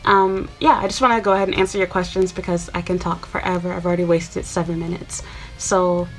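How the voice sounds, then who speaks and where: Her voice is on the low side, flat and a little fast: a twenty-something YouTuber from Chicago, USA, addressing viewers casually to camera in a rambling, filler-heavy way. The recording is rough.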